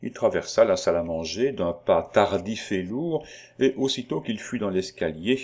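A man reads a classic novel aloud in a low voice. His narration is measured and even, steady from one sentence to the next. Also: slightly rough. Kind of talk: audiobook narration.

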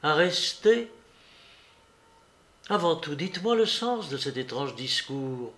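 A man reading aloud, voicing a proud, hot-tempered young woman who speaks in a sharp, raised, reproachful voice. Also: a little high, very animated, takes it slowly, heavily acted. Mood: earnest. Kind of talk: audiobook character reading.

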